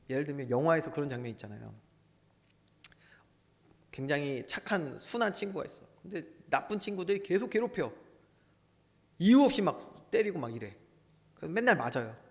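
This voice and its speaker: A male pastor preaching a sermon with passion, swinging from loud bursts to hushed asides. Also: fairly high pitch, lively intonation, brisk, long pauses, in a large hall.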